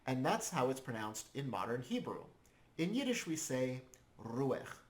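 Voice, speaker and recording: A man's voice: medium pitch, very animated, normal speed. A man teaching a scripted language lesson, explaining each point patiently.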